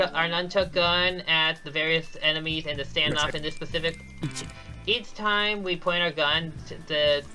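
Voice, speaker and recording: Fairly high-pitched and bright, his voice has a forceful edge as he walks through his own speedrun in real time with game music in the background. He keeps restarting sentences and correcting himself, chuckling lightly while he explains each step.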